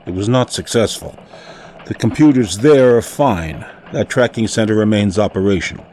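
A man playing a formal, calm, reassuring elf security chief in a scripted radio interview. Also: fairly low pitch, natural voice. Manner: formal, measured official. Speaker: security official.

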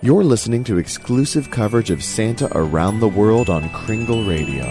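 A male station announcer with a fairly low, very animated voice. He reads a scripted radio promo over prominent jingle-bell music. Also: normal speed. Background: jingle bells and music.

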